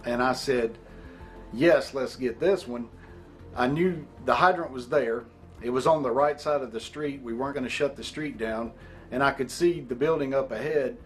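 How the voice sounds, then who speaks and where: A middle-aged man speaks in a measured, explanatory way, recounting as a firefighter in a documentary interview. His pitch is average, with soft music underneath. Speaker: firefighter, company officer. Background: background music.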